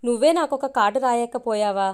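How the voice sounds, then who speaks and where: A woman's voice: a little high, a little fast, clear, resonant tone, lightly acted. A woman reading as an earnest young man in love. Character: young man in love, jealous then relieved.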